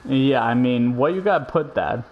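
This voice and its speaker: Male co-host, filler-heavy rambler with casual swearing, mid pitch. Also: expressive, moderate pace, darkish tone, slight background noise, low-quality recording. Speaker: podcast co-host. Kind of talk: casual chat.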